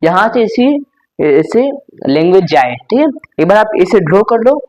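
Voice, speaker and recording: A man's voice: sits high, lively intonation, normal speed, a little mellow, dull audio. A young man teaching a class lesson, explaining step by step, repeating himself and saying "okay" often.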